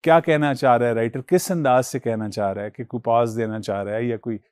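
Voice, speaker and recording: A man's voice: medium pitch, fairly even intonation, a little fast, a little mellow, clean tone, no room sound. Man teaching in a dry lecture voice. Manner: explains patiently, with a rising and falling teaching tone. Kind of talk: classroom lecture.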